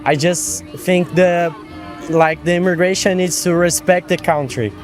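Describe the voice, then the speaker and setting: A speaker from Brazil, answering a street interviewer in hesitant, halting English. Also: medium pitch, steady tone, over music. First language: Portuguese.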